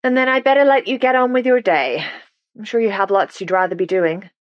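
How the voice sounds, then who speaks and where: A woman putting on a blunt, gravelly New York man. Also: medium pitch, brisk, no echo, dull audio, pitched above the performer's own voice, natural voice.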